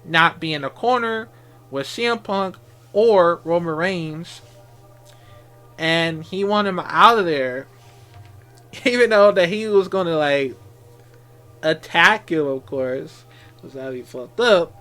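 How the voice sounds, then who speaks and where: A man giving a casual off-the-cuff wrestling recap as a fan, halting and repetitive, with slangy exclamations. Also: a little high, lively intonation, fairly bright tone, soft background music.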